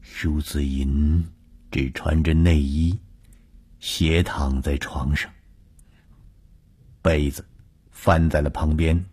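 A man narrating a scripted ghost story with a measured, suspenseful delivery. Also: a bass voice, fairly even intonation, a little mellow, slightly rough.

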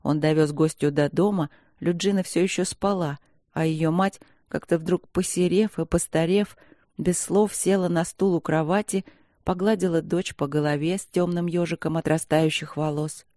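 An audiobook narrator reading a novel in an even, measured way. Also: mid-range voice, no room sound, studio quality. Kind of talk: scripted narration.

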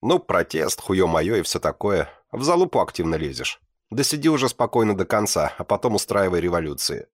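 A man's voice: deep voice, very animated, fairly quick, dry recording. Man voicing a lazy teen smoker, dry mic. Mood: offhand. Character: laid-back teenage boy smoker. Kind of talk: audiobook reading.

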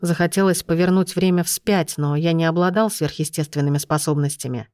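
A woman reads a novel aloud in the first person, steady and unhurried. Her voice sits on the low side. The recording is dry with no room sound. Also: no echo. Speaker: audiobook narrator.

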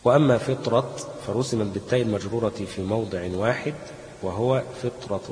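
Low-voiced Egyptian teacher in an echoey hall. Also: male voice, fairly quick, darkish tone. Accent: Egyptian Arabic. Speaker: Quran recitation teacher. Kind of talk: explanatory lesson. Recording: echoey hall, faint ambience.

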